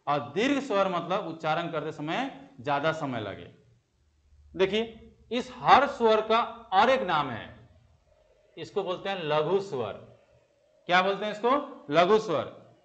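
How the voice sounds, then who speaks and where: A man's voice: sits high, a bit bright. A young man teaching an exam-prep Hindi grammar lesson. He asks the class questions, answers them himself and repeats the key terms.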